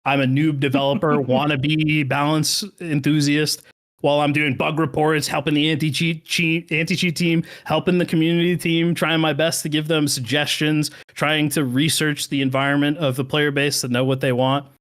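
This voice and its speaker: A man's voice: on the high side, level tone, normal speed, a bit bright. A man who was a creator manager, ranting heatedly with plenty of swearing on a podcast. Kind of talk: podcast chat.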